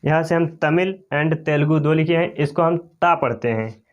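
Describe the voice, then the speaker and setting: A man teaches English letter sounds, speaking in a somewhat high voice. He moves slowly and repeats each example, checking with listeners as he goes. His delivery is patient and classroom-like. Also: dull audio. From India. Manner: slow, repetitive, often says "okay" and "clear". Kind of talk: classroom pronunciation lesson.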